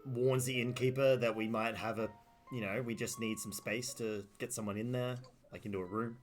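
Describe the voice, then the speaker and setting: A man's voice: medium pitch, fairly even intonation, normal speed, faint music behind. A man chatting casually as a player in a tabletop game.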